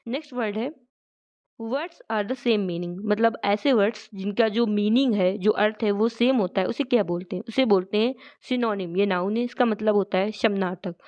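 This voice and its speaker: Woman teaching vocabulary, clear smooth voice. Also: medium pitch, a little mellow, dull audio. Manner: explains each word slowly and step by step, reading English definitions slowly. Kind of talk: exam vocabulary lesson.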